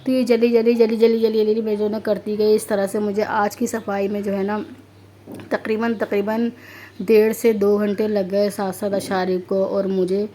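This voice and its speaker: A woman in her thirties from Pakistan, narrating her housework in a chatty, repetitive way with many fillers; her throat is hoarse. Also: medium pitch, level tone, moderate pace, warm tone, slight background noise. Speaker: vlogger, homemaker. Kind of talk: casual voice-over narration.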